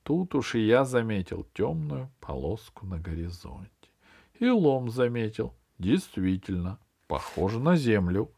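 A man reading a children's adventure story aloud in the first person, with lively storytelling that drops low and soft at the ends of phrases. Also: measured pace, creaky, breathy edge. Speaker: audiobook reader.

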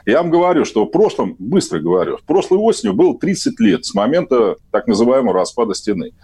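A man's voice: mid-range voice, very animated, quick pace, vocal fry, dark tone, breathy edge. A middle-aged man, a political analyst, arguing combatively in a heated radio studio debate and pressing for short answers.

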